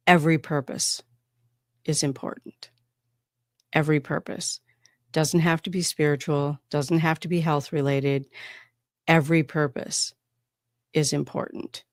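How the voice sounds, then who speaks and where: A woman hosts a spiritual podcast and talks in a reflective, unhurried way, pausing softly between thoughts. Her voice sits low for a woman. It is recorded dry and close, with no room sound. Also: no room sound. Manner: reflective, unhurried, with soft pauses. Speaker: podcast host. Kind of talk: casual spiritual talk.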